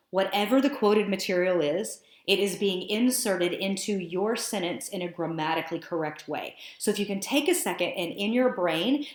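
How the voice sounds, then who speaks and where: Woman teaching in an echoey room. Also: fairly low pitch. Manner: explanatory, conversational, with fillers. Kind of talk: screencast lesson narration. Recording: roomy echo.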